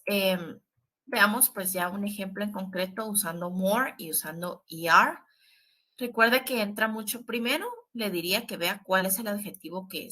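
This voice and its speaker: Bright-voiced woman teaching English grammar. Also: medium pitch. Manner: patient, repetitive, stresses warnings with frequent "¿sí?" check-ins. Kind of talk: online grammar lesson.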